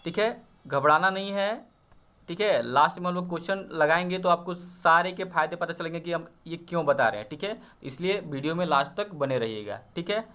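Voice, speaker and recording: A man's voice: a little high, fairly quick, pushed and bright. A man teaching an exam-prep grammar lesson, explaining step by step and checking often that students follow. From Bihar.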